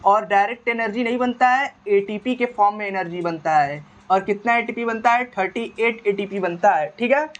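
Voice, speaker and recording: A man's voice: sits high, normal speed, hardly any pauses. Man teaching, quizzing and answering himself. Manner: asks questions and answers them himself, repeating key terms. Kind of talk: classroom lecture.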